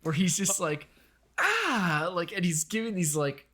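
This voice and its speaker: A man co-hosting a film podcast in casual chat, often restarting his sentences. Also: a little high. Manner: halting, restarts sentences, many fillers. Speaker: podcast co-host.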